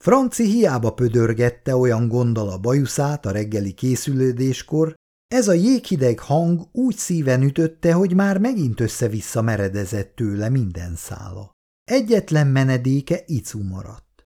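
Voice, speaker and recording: A man reading a story aloud in a measured, expressive way. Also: mid-range voice. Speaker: narrator. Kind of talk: storytelling narration.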